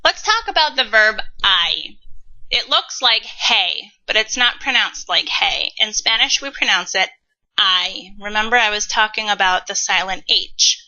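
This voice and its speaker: A woman in her thirties teaching a recorded Spanish lesson, modeling words slowly and carefully. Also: mid-range voice, expressive, pushed and bright, highs cut off. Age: 30s.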